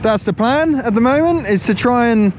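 His voice is very high-pitched and animated, moving at normal speed, as this thirty-something paraglider narrates matter-of-factly in first person. The action camera picks up wind and outdoor noise in the air and in an open field.

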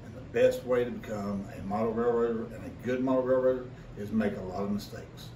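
A folksy man with an Appalachian accent from West Virginia co-hosts a casual podcast. He rambles along at a middling pitch. The mic is distant, with room echo and faint noise behind him. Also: steady tone, fairly quick, warm tone. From West Virginia, United States. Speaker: podcast co-host. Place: echoey room, away from the mic.

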